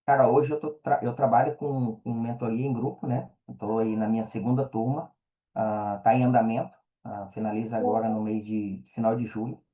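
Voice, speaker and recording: In a medium-pitched, steady voice at normal speed, an affiliate marketer and mentor answers interview questions casually. He has a Brazilian Portuguese accent, talks in slang and frequently checks in with the listener through tag phrases. The recording loses its high frequencies.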